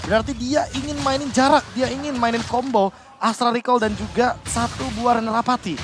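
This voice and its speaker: A man's voice: very high voice, steady tone, a little fast, faint music behind. An Indonesian-accented man giving analytical commentary on an esports match as a caster.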